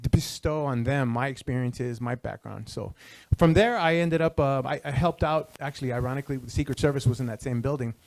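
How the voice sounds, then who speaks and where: On an auditorium stage in front of an audience, a man in his fifties from El Paso, Texas, a retired Secret Service official, recounts his career during a panel discussion. Holding a handheld microphone, he talks briskly in a mid-range, gravelly, slightly mellow voice, conversational with many restarts and fillers. The recording is dry.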